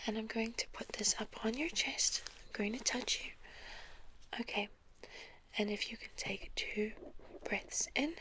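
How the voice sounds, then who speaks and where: A South African woman in a whispered role-play as a gentle, reassuring doctor, speaking softly and very close, right into the ear. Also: on the high side, rough recording. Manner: gentle, reassuring, unhurried patter of an examiner. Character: polite, reassuring female doctor examining a patient. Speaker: ASMR performer playing a clinic doctor. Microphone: very close microphone.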